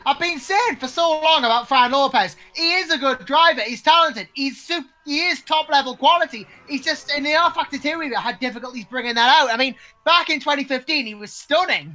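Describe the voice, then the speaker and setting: A man's voice: very high voice, sharp tone. A man giving conversational live race commentary as a co-commentator, chatty and emphatic, repeating his points. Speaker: motor racing co-commentator.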